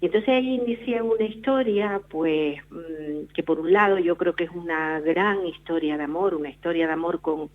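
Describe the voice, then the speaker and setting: Woman, middle-aged, reflective, restarts sentences, lowish voice, phone-line sound. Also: normal speed, few pauses. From La Palma, Canary Islands. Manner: reflective storyteller with frequent restarts. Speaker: novelist, interview guest. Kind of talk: radio interview.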